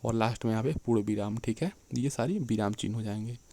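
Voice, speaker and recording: A man teaching an exam-prep lecture, often checking in with his students and slowing down to read definitions and examples aloud. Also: lowish voice, creaky, dark tone. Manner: keeps checking in with "theek hai" and "dekhiye".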